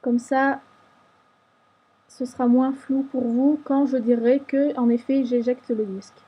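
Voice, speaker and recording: A woman narrating a screen-recorded software tutorial, explaining each step patiently. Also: high-pitched, flat delivery, measured pace, husky. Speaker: tutorial maker.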